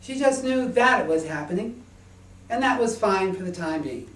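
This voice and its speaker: A man, the author, reads his own whimsical children's story to a live audience on a small indoor stage. His voice sits high and is expressive with a fairly bright tone, delivered deliberately and rhythmically. The sound is echoey and somewhat distant from the microphone.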